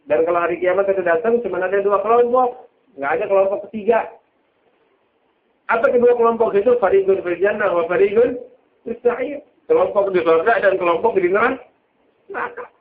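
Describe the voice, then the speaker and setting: A man, preaching and telling a story animatedly, with dramatic drops into quiet. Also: high voice, moderate pace. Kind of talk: sermon storytelling. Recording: tinny phone-like lo-fi sound.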